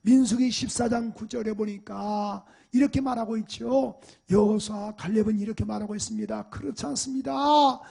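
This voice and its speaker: A man preaching in a church in a high voice with a gravelly, rough edge. He asks the congregation question after question and drives his points home with emphasis. His tone stays husky and a little breathy throughout. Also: normal speed, few pauses, dark tone. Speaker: pastor. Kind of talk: sermon. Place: church sanctuary.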